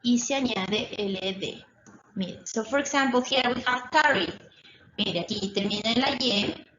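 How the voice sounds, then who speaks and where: In an echoey, dull lo-fi room recording, a female English teacher gives a distance-school lesson, going over points slowly and repeatedly and checking in with questions. Her pitch is fairly high and her tone fairly bright, with a bit of hiss or hum audible.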